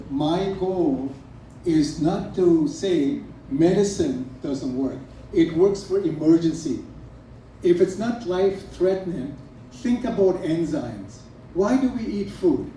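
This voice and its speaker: A man's voice: on the high side, warm tone. A middle-aged man from Trinidad and Tobago, a naturopath giving an earnest, emphatic promotional talk to a live audience, listing items one by one. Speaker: naturopath speaking at a product event. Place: event room with an audience. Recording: echoey room from far off with faint noise.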